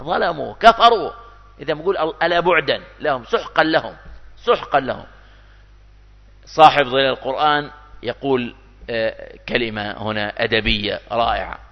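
Male preacher in a hall. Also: medium pitch. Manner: lively, rhetorical, quoting and acting out imagined speakers. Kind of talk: sermon. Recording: dull echoey hall.

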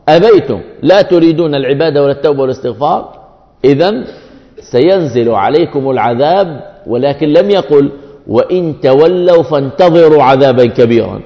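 A man preaching a sermon to his brothers, emphatic, repeating key phrases to press his point. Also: a little high. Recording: dull sound with long hall echo.

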